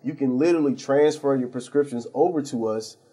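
Appearing on a TV interview show, a St. Louis-area pharmacy owner describes his services in a husky, warm voice of medium pitch, speaking fairly quickly. He's earnest, with lots of fillers and restarts.

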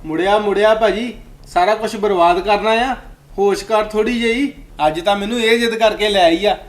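A man playing a concerned relative, high-pitched, admonishing. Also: fast, close to an everyday voice. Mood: urging. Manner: urgent, admonishing. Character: concerned relative scolding a drunk brother.

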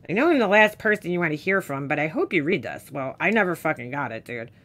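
A woman's voice: low-pitched, animated, moderate pace, fairly bright tone. A woman streamer with a New York accent, reading a letter aloud and ranting about it with scornful, profane exasperation. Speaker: makeup commentary streamer. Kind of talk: ranting live reaction.

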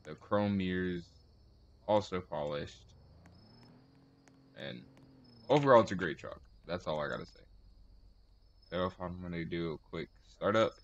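A deep-voiced man hosts a car tour, giving casual video commentary in halting short phrases and correcting himself as he goes. The recording sounds muffled.

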